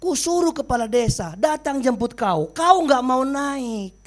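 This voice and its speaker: God figure, firm and slow, rebuking, as a preacher puts him on. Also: male voice, extremely high pitch, lively intonation. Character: God answering calmly and firmly.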